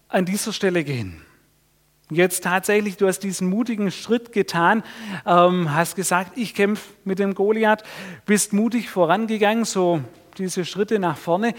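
A man preaching a sermon, telling a Bible story in a lively way and putting questions to his listeners. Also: high voice. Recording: long reverb of a hall.

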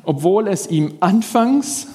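A man's voice: high voice, animated, slow pace, dark tone. A man preaching a sermon in a conversational way, speaking directly to his congregation. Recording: long hall reverb.

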